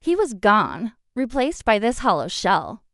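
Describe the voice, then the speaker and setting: A woman narrating a dramatic first-person revenge story in an expressive storytelling manner. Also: mid-range voice, measured pace, creaky, dry recording, clean studio sound.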